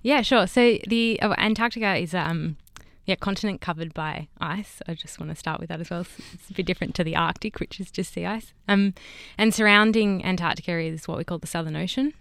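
A woman's voice: fairly low pitch, fairly quick, creaky, few pauses, fairly bright tone, no echo, clean studio sound. A young woman, explaining science informally as an interview guest. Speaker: guest scientist, PhD candidate and fellow show host. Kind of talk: spontaneous explanatory interview talk.

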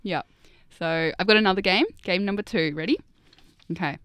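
Young female science guest, clean smooth voice, slightly low, chatty and keen explainer. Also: a little fast, a bit bright, no room sound. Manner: informal, enthusiastic. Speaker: guest researcher, PhD candidate. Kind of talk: casual interview chat, explaining.

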